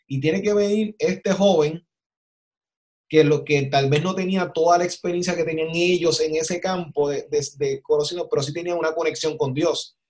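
Emphatic, slightly high-voiced male host. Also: fairly even intonation, moderate pace, a little mellow. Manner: emphatic, uses rhetorical questions and repetition. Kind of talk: conversational preaching in an interview.

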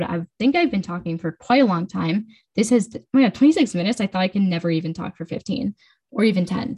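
A woman's voice: fairly low pitch, a little mellow, rough recording. A teenage girl hosting her own podcast, talking in an upbeat, enthusiastic, chatty way with frequent fillers. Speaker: podcast host. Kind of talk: casual solo podcast talk.

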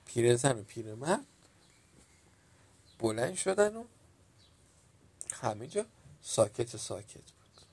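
A man narrating a children's storybook tale in a calm, measured reading. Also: mid-range voice, slightly rough.

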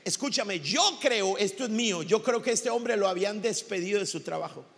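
A man with a Mexican Spanish accent preaching a sermon as pastor, impassioned and at times shouting. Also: high voice, lively intonation, moderate pace, creaky. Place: church hall. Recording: church hall reverb.

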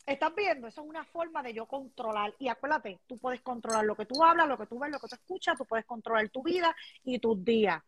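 A woman who hosts a casual interview show, speaking in a lively, emphatic and motivational way. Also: sits high, brisk, few pauses. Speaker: host.

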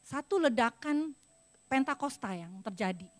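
A middle-aged woman preaching a confessional sermon from a church pulpit, moving between loud emphasis and hushed apology. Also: high-pitched, animated, moderate pace, soft background music.

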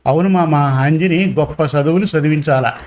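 Man reads an anxious village mother in a storybook, scolding and pleading, voice a touch high. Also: moderate pace, a little mellow, natural voice. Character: poor village woman, a grieving, anxious mother.

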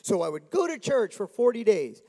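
In a church hall with long reverb, a man in his forties from South Florida testifies earnestly and warmly, now and then slipping in humor. His high-pitched voice moves at a moderate pace with big pitch swings.

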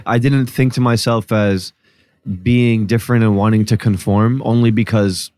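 A man's voice: on the low side, fairly even intonation, normal speed, darkish tone, smooth, dry recording. A man from New Jersey, a podcast guest, talking casually and reflectively about his upbringing with frequent "like" fillers. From Newark, New Jersey, US. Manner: reflective, storytelling, many "like" fillers. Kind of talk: casual conversation.

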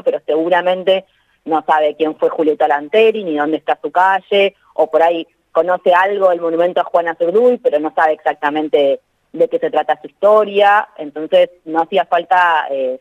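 A woman's voice: low voice, no echo. A woman with a Rioplatense Spanish accent speaks from home over a bad phone connection that keeps cutting out. The line is muffled and lo-fi, and her voice sounds dry and close. She chats casually, stopping and restarting often. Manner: chatty, many hesitations and restarts. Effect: bad phone connection that cuts out. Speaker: journalist and tour co-creator, radio guest.

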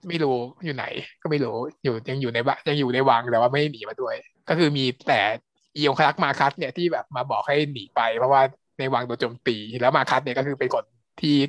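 A man co-hosting a podcast, retelling a series plot in a relaxed, meandering way. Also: mid-range voice, a little fast, no echo. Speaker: podcast co-host, series reviewer. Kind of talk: casual review chat.

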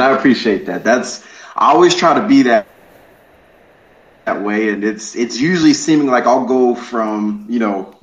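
Guest: energetic former coach from Ohio, rambling delivery, roomy and slightly dull recording. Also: male voice, mid-range voice. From Columbus, Ohio, USA. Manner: energetic, rambling, self-interrupting. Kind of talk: casual interview.

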